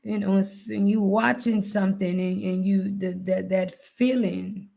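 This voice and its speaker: Slow, earnest woman hosting a livestream. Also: mid-range voice, fairly even intonation, vocal fry, warm tone. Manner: earnest, repeats points for emphasis. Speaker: livestream host. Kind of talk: live-stream commentary.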